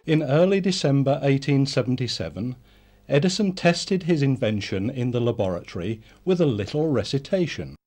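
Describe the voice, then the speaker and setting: Man narrating a documentary, lively pitch. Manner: measured, even storytelling. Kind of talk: scripted narration.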